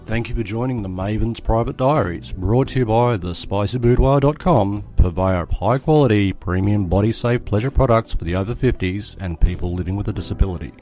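A deep-voiced man delivers a formal, booming sponsor read for a podcast. His voice sits low and carries a steady announcer cadence. Faint music plays beneath him. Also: brisk, hardly any pauses. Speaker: show announcer.

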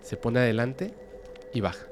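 A man telling a dramatic story in a suspenseful, lively way. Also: medium pitch, moderate pace, over music. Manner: lively, suspenseful, with sudden loud bursts.

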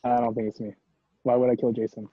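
A young man in casual banter with friends, defensive and quick to argue back. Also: medium pitch, flat delivery, lo-fi sound, a crowd in the background.

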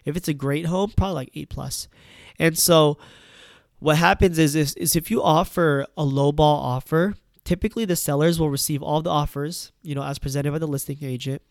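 A man's voice: a little high, brisk, vocal fry, no echo, clean studio sound. A man who works in real estate, sounding stuffed up from a cold, gives casual advice and keeps checking in with "right?" and "you know.". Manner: conversational, tags points with "right?" and "you know". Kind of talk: casual advice talk to camera.

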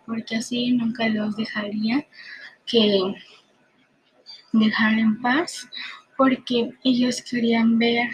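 A woman's voice: a little high, low-quality recording. A woman telling an improvised story in a meandering way, often dropping to a whisper.

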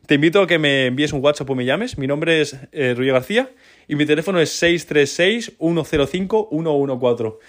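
A man's voice: on the high side, normal speed. A man in his twenties from Spain, chatting informally as a podcast host and giving business advice, with frequent tag questions. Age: 20s. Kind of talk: casual business podcast monologue.

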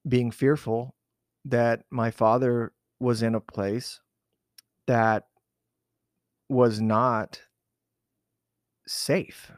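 A man's voice: medium pitch, flat delivery, extremely slow, pauses often, dry recording, studio quality. A man from southern Arizona recalling a personal memory in an unscripted interview, hesitant and reflective, with many fillers and restarts. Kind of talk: unscripted oral-history recollection.

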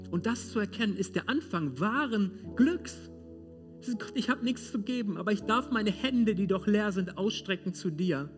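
A man preaching a sermon in a church service, speaking straight to his listeners with questions and swinging between loud stress and hushed softness. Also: fairly high pitch. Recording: sermon with clear guitar music underneath. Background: guitar music.

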